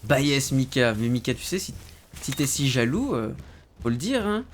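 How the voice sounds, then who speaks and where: A man streaming a game, chatting casually with his viewers in slangy, relaxed talk. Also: mid-range voice, moderate pace, slight background noise. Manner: laid-back, slangy, talks to chat by name.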